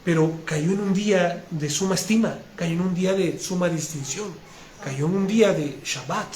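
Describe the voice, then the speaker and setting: A man's voice: high-pitched, moderate pace, a little mellow. A man, telling a heartfelt personal testimony during a sermon. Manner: earnest, heartfelt storytelling with frequent restarts. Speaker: preacher. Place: congregation hall. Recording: echoey room with faint noise.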